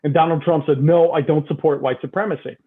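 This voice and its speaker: Animated man on a tinny phone line. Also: on the high side, quick pace. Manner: animated, keeps tagging "right?", repeats words when worked up. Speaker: podcast co-host. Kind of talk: casual political chat.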